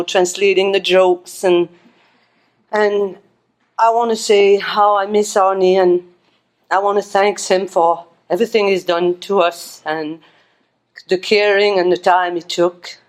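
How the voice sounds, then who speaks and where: A woman giving a personal memorial tribute, pausing often with fillers. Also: mid-range voice, steady tone. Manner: halting, many fillers. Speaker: memorial speaker.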